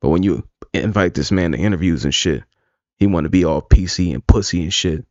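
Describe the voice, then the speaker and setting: A man's voice: low-pitched, a little fast, darkish tone, no room sound. A man streaming live, talking casually, rambling and bluntly profane. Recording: dull lo-fi dry sound.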